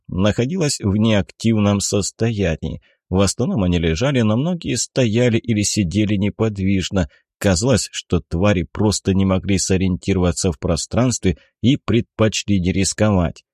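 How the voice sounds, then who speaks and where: Low-voiced male audiobook narrator, dry. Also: normal speed, few pauses, darkish tone, no room sound. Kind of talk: scripted narration.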